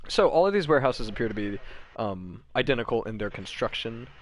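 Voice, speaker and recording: A man's voice: medium pitch, sing-song, fairly quick. A man narrating as game master of a tabletop game, rambling with many fillers and laughing easily.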